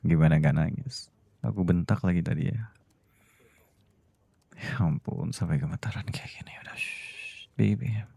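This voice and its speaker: A man doing a deep, gravelly husband in whispered role-play. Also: measured pace, pauses often, no echo, heavily acted. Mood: gentle pleading. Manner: cold and scolding, then soft and pleading. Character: stern boss who is a doting husband. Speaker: voice actor.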